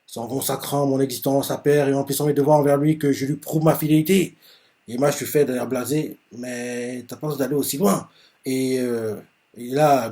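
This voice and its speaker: A man casually retelling a manga chapter for a reaction video, excited, full of fillers and quick laughs. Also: mid-range voice.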